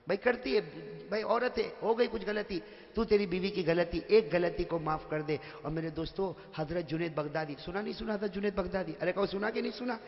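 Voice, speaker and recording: A man giving a lively, joking sermon to a gathering, calling out to the crowd and swinging from soft talk to shouting. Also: high voice. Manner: calls out to the crowd for answers. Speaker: preacher. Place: large hall with a live gathering. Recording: echoey, muffled hall recording.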